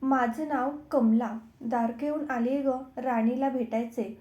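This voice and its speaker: A proud old beggar woman from a devotional storybook, wrathful and scolding, her lines flaring up loud and sharp, as a female narrator puts her on. The voice sits fairly high yet stays mellow and warm underneath. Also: steady tone, a little slow, roomy sound. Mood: weary. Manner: scolding, indignant outbursts.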